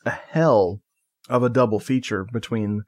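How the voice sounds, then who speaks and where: A man's voice: mid-range voice, a little slow, darkish tone. A man co-hosting a podcast, chatting casually in a loose, joking way and swearing freely. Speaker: podcast co-host. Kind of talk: casual chat.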